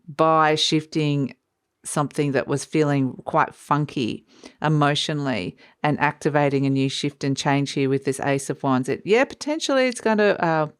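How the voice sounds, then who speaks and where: Smooth-voiced tarot reader, close and dry. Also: mid-range voice, dry recording. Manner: conversational, encouraging, addressing the listener directly. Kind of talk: mystical horoscope tarot reading, casual unscripted.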